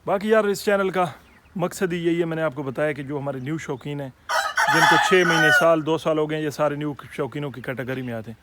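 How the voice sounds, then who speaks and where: A man talks through a casual instructional video for fellow hobbyists. His voice sits somewhat high for a man, and he explains things step by step, often pausing to ask whether viewers are following. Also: very noisy. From Pakistan. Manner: explanatory, repeats "theek hai" to check in with viewers; friendly, addresses viewers as friends and fellow hobbyists. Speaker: poultry breeder and channel host.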